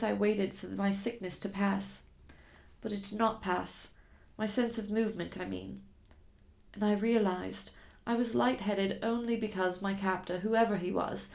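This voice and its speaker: A woman's voice: medium pitch, creaky, a little mellow. A woman narrating a novel in the first person, reading with dramatic tension. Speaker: reader of a novel.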